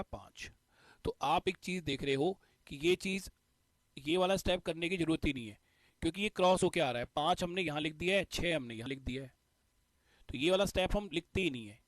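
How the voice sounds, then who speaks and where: A man's voice: fairly high pitch, dry recording. A male teacher explaining a math concept step by step, repeating the key points. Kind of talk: exam-prep math lesson.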